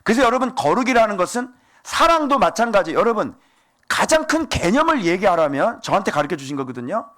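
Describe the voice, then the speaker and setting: A man preaching a sermon as pastor, animated and asking the congregation rhetorical questions. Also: sits high, fairly quick.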